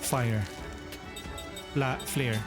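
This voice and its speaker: Extremely slowly, a man from the Philippines narrates his RPG stream over loud music, reading menus aloud and chatting with viewers as he thinks things through in live let's play commentary. He has a Filipino accent and a mid-range voice with fairly even intonation.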